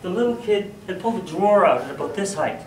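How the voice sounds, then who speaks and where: A man giving a humorous storytelling speech at a contest, animated, with loud bursts for sound effects. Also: sits high, quick pace, background noise. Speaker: contest speaker. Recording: echoey hall, mic from far off.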